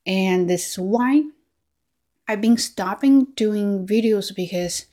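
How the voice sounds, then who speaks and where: Speaking slowly in a medium, dark-toned voice, this language learning vlogger reflects casually and earnestly to camera. She has a Chinese accent, Chinese being her first language, and she frequently restarts sentences and drops in "like" and "right?"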